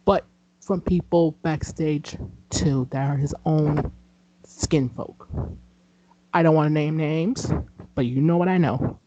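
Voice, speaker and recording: Brief: podcast co-host, mellow dark tone, emphatic casual chat, slightly dull sound. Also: mid-range voice, slow pace, pauses often, a little hiss or hum. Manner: emphatic, chatty with "y'all" and "like".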